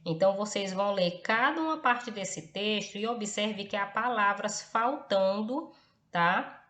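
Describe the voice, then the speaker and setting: A woman teaching a class, patient and slow, checking in after nearly every phrase and spelling words out letter by letter. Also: medium pitch, expressive, fairly bright tone. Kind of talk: recorded class lesson. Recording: echoey room, faint background hiss.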